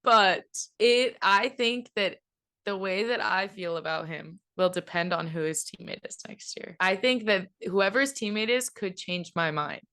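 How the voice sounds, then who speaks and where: Podcast co-host: young woman, mid pitch, giggles often, rambles and restarts sentences. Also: a little slow, sharp tone. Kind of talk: casual chat.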